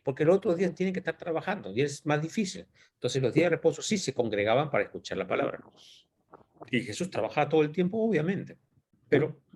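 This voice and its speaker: A man's voice: medium pitch, darkish tone, husky. A man giving an informal Bible teaching, thinking aloud and asking rhetorical questions as he explains the passage.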